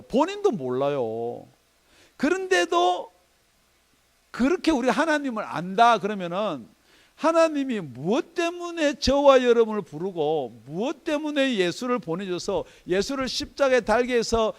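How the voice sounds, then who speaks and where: Male pastor, church sermon, emphatic, high animated delivery. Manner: emphatic preaching with rhetorical questions and swings in loudness. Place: church sanctuary.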